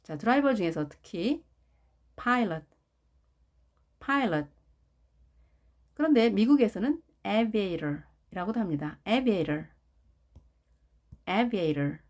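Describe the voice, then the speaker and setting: A woman teaching English pronunciation of job names, slowly repeating each word with careful stress. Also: medium pitch, lively intonation, darkish tone. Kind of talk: pronunciation lesson.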